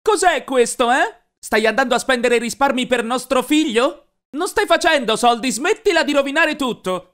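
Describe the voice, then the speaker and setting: A man doing a furious shouting mother. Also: extremely high pitch, lively intonation, normal speed, voice pushed up. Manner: yelling, scolding. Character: angry shouting mother, middle-aged woman. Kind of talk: animated story narration.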